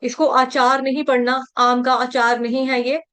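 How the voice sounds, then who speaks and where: A woman teaching Sanskrit verse pronunciation, stretching syllables slowly when she chants them and explaining quickly in between. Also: high-pitched, little pitch movement, a bit bright, clean tone. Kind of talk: slow chanting and pronunciation lesson.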